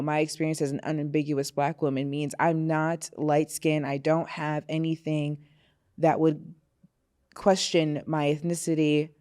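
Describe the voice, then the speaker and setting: A woman's voice: low voice, warm tone. A young woman from Florida chatting candidly as a podcast guest, laughing often and using fillers like "you know". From Florida, USA. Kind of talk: casual podcast chat.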